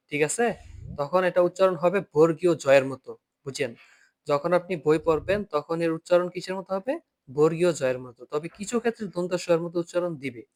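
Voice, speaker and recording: Higher-voiced man teaching a German class. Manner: patient, repeats each point, asks students to read aloud. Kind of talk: online class lesson. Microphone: video call.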